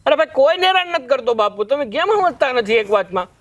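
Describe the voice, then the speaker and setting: A man's voice: very high-pitched, very animated, fast talker. An actor playing a defiant, scheming young village troublemaker, the headman's son, in a village family drama. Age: young adult.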